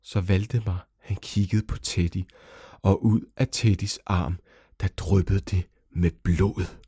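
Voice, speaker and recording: A man narrating a children's story in a lively, animated way. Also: slightly rough, no room sound, studio quality. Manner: lively, animated storytelling with sudden pitch jumps.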